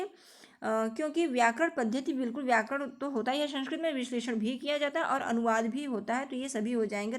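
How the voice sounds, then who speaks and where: A woman teaching an exam-prep lesson, patiently repeating each answer and often calling her viewers friends. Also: sits high. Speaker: teacher preparing students for teaching exams.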